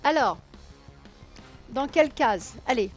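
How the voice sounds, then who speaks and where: A woman hosts a live call-in television quiz in a high-pitched voice that is hoarse tonight. She chats away and coaxes viewers to phone in, counting down the seconds and correcting her own wording as she goes. Faint music plays underneath. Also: lively intonation, slow pace. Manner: chatty, coaxing viewers, counting down, correcting herself aloud. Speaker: game show host.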